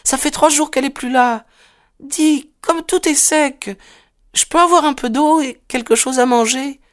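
A woman's voice: high voice, unhurried. A woman voicing a small, innocent girl lost in the desert, chattering eagerly and asking question after question in an audiobook. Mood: curious.

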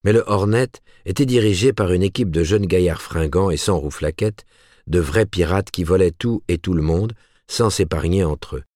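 A man reads a novel aloud in a measured, storytelling way. His voice is very deep. The recording is dry and close, with no room sound. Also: darkish tone, no echo. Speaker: audiobook narrator. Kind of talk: scripted narration.

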